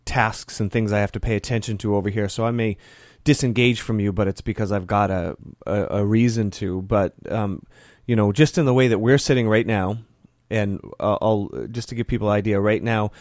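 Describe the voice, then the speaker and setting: A man's voice: on the low side, steady tone, a little fast, a little mellow, no echo. A man hosting a casual studio interview at a desk mic, asking long, rambling questions. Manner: asks rambling, loosely built questions. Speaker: podcast host, interviewer.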